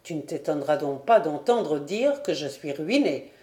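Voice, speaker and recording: Lady reading breezy proud painter dad, light and brisk, roomy echo. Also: sits low, lively intonation, mellow, pitched below the performer's own voice. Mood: consoling. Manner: light, brisk, then cold and clipped. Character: proud, breezy middle-aged male painter, a father.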